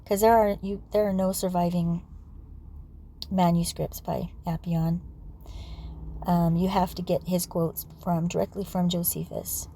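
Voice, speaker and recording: A woman losing her voice, reading history aloud at a casual pace, with asides and throat clearing. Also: fairly low pitch, flat delivery, a little slow, mellow, slight background noise. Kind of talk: casual read-aloud for sleep.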